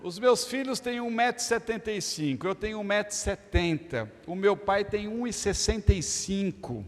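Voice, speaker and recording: This Brazilian man speaks as a pastor delivering a sermon in a church hall, with a high-pitched, animated voice at a moderate pace. His manner swings between humorous storytelling and emphatic lists, and the room's reverb colors the recording.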